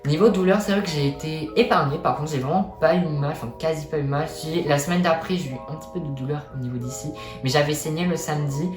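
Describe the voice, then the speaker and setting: A man's voice: fairly high pitch, fast, few pauses, music in the background. A young man telling a personal story to viewers in a chatty, colloquial, self-deprecating way. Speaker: vlogger. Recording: echoey room.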